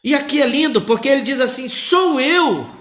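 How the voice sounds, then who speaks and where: A man's voice: very high-pitched, fairly even intonation, fast talker, fairly bright tone, roomy sound. A male pastor preaching a sermon emphatically, repeating key lines.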